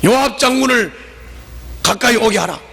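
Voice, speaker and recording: A man acting out a bold, wise woman of a besieged city, shouting commands during a sermon. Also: extremely high pitch, normal speed, creaky, full character voice. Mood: commanding shout. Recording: long hall reverb.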